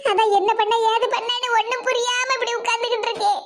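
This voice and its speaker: A woman puts on a grieving old village grandmother from a cartoon, who speaks in a piercing, very high voice with a Kanyakumari Tamil accent. She wails and blames herself over and over, fretful and tearful. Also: steady tone, quick pace, fairly bright tone. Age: over 70 (figure). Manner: lamenting, self-blaming. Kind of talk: animated comedy voice acting.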